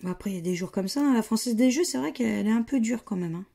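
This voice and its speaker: French woman, scratch-card vlogger, slow murmured letter-by-letter talk, gravelly low-toned voice. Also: lively intonation, mellow. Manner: slow, murmured, reads letters aloud one by one. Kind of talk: casual commentary while scratching tickets.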